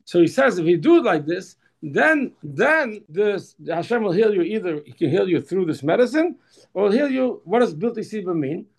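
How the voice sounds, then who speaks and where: Reading each passage slowly and then translating it, a high-pitched, animated teacher with a breathy edge leads a religious text class. He often restarts and repeats himself, captured on poor audio.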